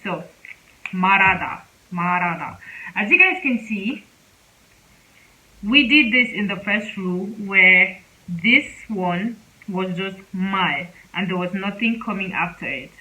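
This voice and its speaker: A woman teaching a casual spoken lesson, speaking slowly and repeating example words several times. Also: medium pitch, bright, forceful tone, low-quality recording. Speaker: Korean language teacher.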